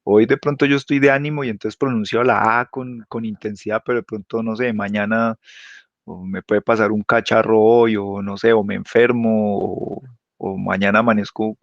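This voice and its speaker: A man teaching a class, explaining patiently and constantly checking understanding with quick tag questions. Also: on the low side, steady tone, vocal fry, no room sound. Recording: dull lo-fi dry sound.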